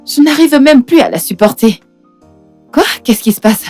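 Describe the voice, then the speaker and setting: A woman's voice: high-pitched, lively intonation, moderate pace, darkish tone, soft background music. An actress playing a haughty, hot-tempered young woman who scolds indignantly in a dubbed film drama. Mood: disdainful. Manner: scolding, indignant, repeats herself.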